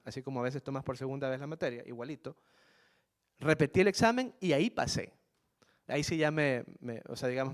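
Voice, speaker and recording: A middle-aged man from Ecuador speaks to a group of students as a guest speaker, telling a personal story. He talks earnestly and plainly, repeats his key phrases for weight and keeps turning to his listeners directly. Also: a little high.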